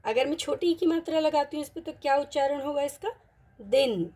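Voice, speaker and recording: A woman teaching an online Hindi lesson, patiently mixing in English words and repeating each example word slowly. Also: high voice, little pitch movement, a little mellow.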